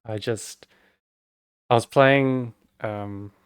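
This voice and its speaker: A man's voice: mid-range voice, fairly even intonation, very slow, clear, resonant tone, no echo, clean studio sound. A man with an Australian accent, a streamer chatting casually and rambling as he walks through his setup while working on it. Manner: rambling, self-deprecating, talks while working. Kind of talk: casual live-stream tech walkthrough.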